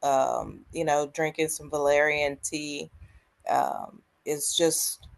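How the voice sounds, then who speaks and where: Slow, low-voiced relaxed woman. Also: creaky. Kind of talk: casual group chat.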